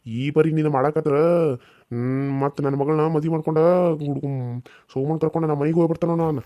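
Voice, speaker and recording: A man voicing an older village father figure who calms the family, with a North Karnataka accent, in a cartoon serial. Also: fairly high pitch, quick pace, dry recording, studio quality, lightly acted. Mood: coaxing. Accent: North Karnataka Kannada. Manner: coaxing, fatherly.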